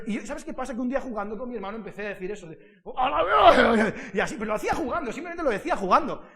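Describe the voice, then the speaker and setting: Fast-talking high-voiced Spanish preacher man. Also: long reverb tail. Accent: Spain. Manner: animated storytelling with quick asides and laughter; asks the congregation if they follow. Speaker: pastor. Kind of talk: sermon. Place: church hall.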